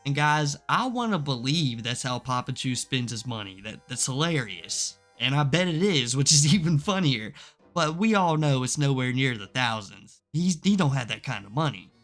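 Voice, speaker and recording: A man's voice: medium pitch, lively intonation, normal speed, fairly bright tone, soft background music. A man giving casual, mocking commentary to his viewers. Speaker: video commentator.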